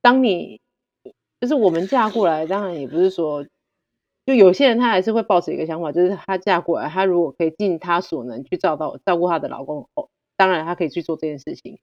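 A woman guest telling stories in casual chat, direct and animated, acting out the dialogue. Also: on the low side, fast, long reverb tail, lo-fi sound.

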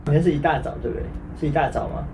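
A man's voice: fairly high pitch, very fast, darkish tone. A man, co-hosting a casual chat, blunt and swearing in surprise. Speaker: podcast co-host.

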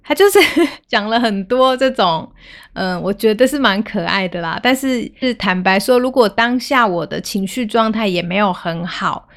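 A woman in her thirties talks calmly on a parenting podcast, her tone gentle and even as she retells a family moment. Her voice sits at a middle height, neither high nor low. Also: normal speed. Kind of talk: storytelling podcast talk.

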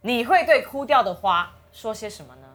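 A woman's voice: a little high, expressive, brisk, fairly bright tone. A woman, co-hosting a casual chat and playfully teasing as she reads out quiz questions. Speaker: co-host asking quiz questions.

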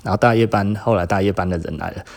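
Lowish-voiced Taiwanese man telling a story. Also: quick pace, creaky. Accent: Taiwanese Mandarin. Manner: animated retelling with frequent sentence-final particles; rises in pitch and volume when indignant. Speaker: podcast host. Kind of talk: casual storytelling monologue.

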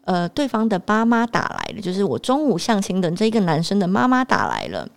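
A young woman tells a personal anecdote straight to camera. Her voice sits in an ordinary middle register, and her delivery is animated and openly exasperated. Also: medium pitch, fairly quick, gravelly. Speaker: vlogger. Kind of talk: storytelling to camera.

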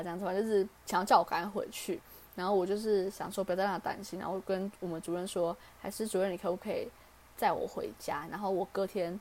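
A young woman with a Taiwanese Mandarin accent hosts a podcast and chats through a personal story at a quick clip. She talks fast and plays out the lines of the people in the story as she goes. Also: medium pitch, a little mellow. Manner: chatty, acts out quoted dialogue. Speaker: podcast host. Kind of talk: casual storytelling.

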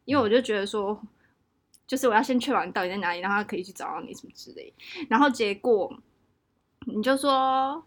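A young woman with a Taiwanese Mandarin accent chatting casually, telling a story in an animated, exaggerated way. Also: mid-range voice, fast. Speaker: podcast co-host. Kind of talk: casual chat. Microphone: home test recording.

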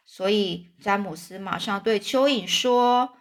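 A woman's voice: mid-range voice, a little slow. Woman reading a children's story aloud. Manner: explains words for children, casual asides.

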